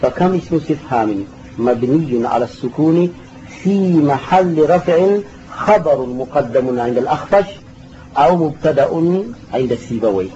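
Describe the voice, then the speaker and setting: Guy teaching a grammar class, repeats himself patiently, mellow voice, dull recording w faint hiss. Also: medium pitch, animated, normal speed. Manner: patient, repeats terms, answers students. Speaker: sheikh teaching Arabic grammar. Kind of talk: classroom lesson explaining a text.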